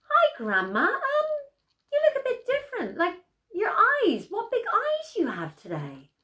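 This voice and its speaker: A woman's voice: extremely high pitch, wildly swooping pitch, unhurried, pushed and bright, voice pushed up, exaggerated voice. A woman voicing a plucky, wide-eyed little girl in a bedtime fairy tale. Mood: puzzled, amazed.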